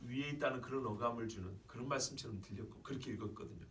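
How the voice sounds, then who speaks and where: A man's voice: mid-range voice, rapid-fire, fairly bright tone, a little hiss or hum. A man preaching a sermon as pastor, emphatic and often putting questions to his congregation. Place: church sanctuary. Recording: roomy church sound from a distant mic.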